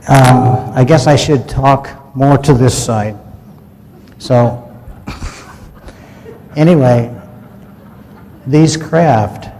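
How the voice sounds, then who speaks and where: A man's voice: mid-range voice, mellow. A man recounting a personal story in a folksy, plain-spoken way, acting out what his dad said. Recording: long hall reverb, faint ambient noise.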